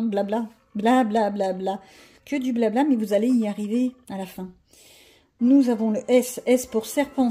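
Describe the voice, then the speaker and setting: A coloring vlogger chats casually with her viewers as she colors, thinking out loud and poking fun at herself. Her voice is mellow and on the high side.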